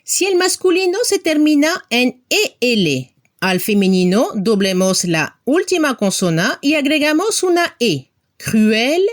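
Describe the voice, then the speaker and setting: A woman giving a slow, scripted language lesson, spelling out letters and modeling each word's pronunciation. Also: sits high, big pitch swings. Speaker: language teacher.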